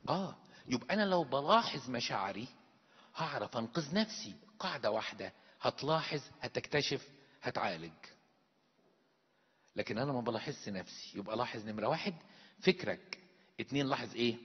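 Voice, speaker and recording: A man's voice: mid-range voice, expressive, brisk, husky, long reverb tail, highs cut off. A male priest with an Egyptian accent, preaching an emphatic sermon full of rhetorical questions. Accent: Egyptian Arabic. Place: church.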